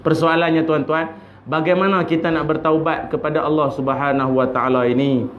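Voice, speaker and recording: A man's voice: fairly high pitch, level tone, a little fast, slight background noise. A man with a Malaysian Malay accent giving an evening religious lecture, humorous, laughing often and acting out voices. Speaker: preacher. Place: mosque prayer hall. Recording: echoey dull lo-fi hall recording.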